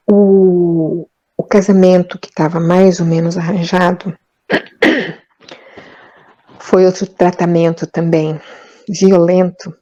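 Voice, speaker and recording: A woman's voice: fairly low pitch, warm tone. An older woman from Brazil, an interview guest telling her life story with emotion, often repeating words and acting out dialogue. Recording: dull lo-fi audio.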